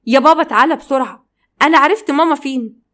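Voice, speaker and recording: A woman with an Egyptian Arabic accent voicing an angry young woman who loudly accuses her sister-in-law. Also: fairly high pitch, racing, lightly acted.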